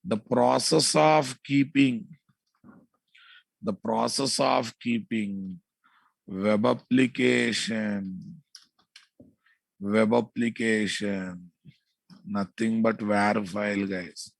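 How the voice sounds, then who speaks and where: Extremely slow and gravelly, with long pauses, a lowish steady voice belongs to a Telugu-accented instructor teaching programming casually. He repeats himself, throws in asides, and keeps checking comprehension; the low-quality recording has no room sound.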